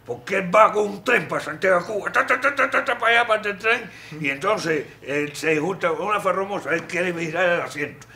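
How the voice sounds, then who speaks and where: A man's voice: sits high, animated, a little fast, hardly any pauses, pushed and bright, reverberant, heavily acted. A man playing a streetwise fixer who talks persuasively, spinning stories with sound effects. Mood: scheming.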